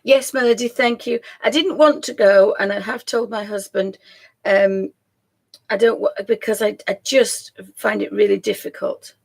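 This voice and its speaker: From her home, a croaky woman runs a live stream of casual chat, wandering loosely between thoughts and often dissolving into laughter. Her gravelly, rough-edged voice sits at an ordinary middle pitch, with fairly even intonation and normal speed.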